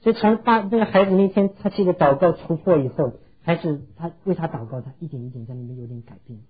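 A male preacher tells a sermon story at a quick clip, his voice somewhat high and husky. He speaks earnestly, leaning on his words and drawing out his sentence endings. The recording sounds dull and lo-fi.

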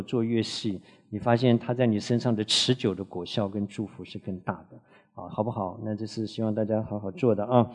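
A man's voice: medium pitch, a little mellow. A man lecturing a Bible class in an earnest teaching manner, often adding filler particles and asking the students questions.

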